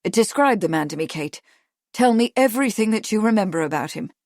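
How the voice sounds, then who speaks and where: Grave steady Victorian gentleman, voiced by a woman, calm delivery, mid pitch, dry audiobook. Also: fairly quick, no echo, close to an everyday voice. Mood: grim.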